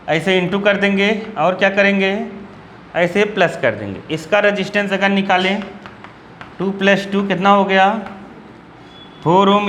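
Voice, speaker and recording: A man with an Uttar Pradesh Hindi accent gives a physics lecture, repeatedly asking if his class understands. His voice is high-pitched and a bit bright, with slight hiss or hum in the background.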